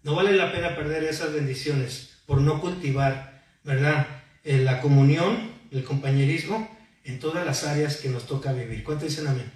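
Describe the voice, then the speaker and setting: A man's voice: a little high, normal speed. A male preaching a sermon, asking the congregation questions and prompting their replies. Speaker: pastor. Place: church hall. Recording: very echoey hall, mic far off.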